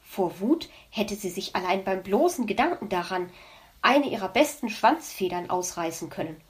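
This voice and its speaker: A woman narrating a children's storybook in an expressive, lively way. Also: mid-range voice, normal speed.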